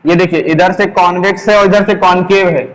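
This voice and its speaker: A male teacher giving a classroom lesson, speaking slowly, repeating key terms and asking the class questions. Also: high voice, fairly even intonation. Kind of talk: classroom lesson, explaining while writing on a board. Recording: long echoing reverb.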